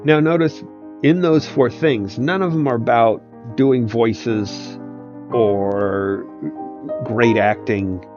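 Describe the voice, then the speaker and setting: A man who runs tabletop games, giving meandering casual advice with many hesitations and restarts. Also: fairly low pitch. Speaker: tabletop game master and video host. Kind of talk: casual rambling advice talk. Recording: dull lo-fi sound with faint background music.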